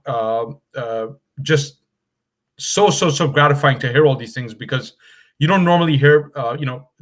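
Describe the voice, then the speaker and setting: A man hosting an online session, asking questions in a halting way with many fillers. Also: medium pitch. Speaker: event host.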